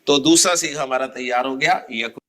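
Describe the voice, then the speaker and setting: A man teaching Arabic grammar in a lecture, quizzing listeners and repeating word forms slowly. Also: mid-range voice, a bit bright. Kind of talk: classroom lecture.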